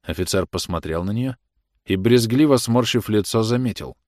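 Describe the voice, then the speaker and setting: Man reading a classic novel aloud, low voice, grave and measured, dry close sound. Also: no room sound. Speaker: audiobook narrator. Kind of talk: literary audiobook narration.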